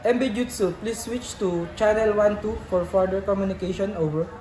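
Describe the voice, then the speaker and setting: A woman's voice: mid-range voice, fairly even intonation, a little fast, dark tone. A woman acting as a port radio operator, giving formal marine radio instructions in short set phrases. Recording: echoey room with background noise.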